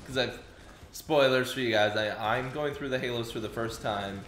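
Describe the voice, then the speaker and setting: A man's voice: medium pitch, normal speed, fairly bright tone, roomy sound, a little hiss or hum. A young man co-hosting a casual let's-play, curious and laid-back, asking lots of questions as he plays. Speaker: co-host of a gaming channel.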